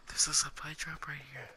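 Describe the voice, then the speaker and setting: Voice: medium pitch, little pitch movement, normal speed. A player talking casually with a teammate during a video game. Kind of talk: casual gaming chat. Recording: clearly noisy game voice chat.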